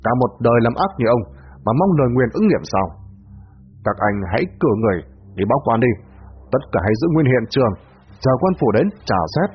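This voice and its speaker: A man voicing a calm, wise old master who scolds in a measured way. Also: medium pitch, husky. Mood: stern. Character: calm wise old male sorcerer-teacher. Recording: dull lo-fi audio.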